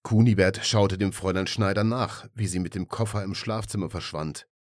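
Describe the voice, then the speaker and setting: A man narrates an audiobook with even, measured storytelling. His voice is on the low side and the recording is dry and close. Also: dry recording.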